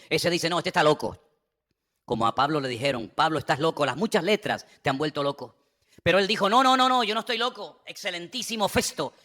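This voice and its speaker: Hombre predicador de voz aguda y brillante. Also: male voice. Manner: impassioned preaching, rising to loud exhortation and dropping low. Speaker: pastor. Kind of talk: sermon.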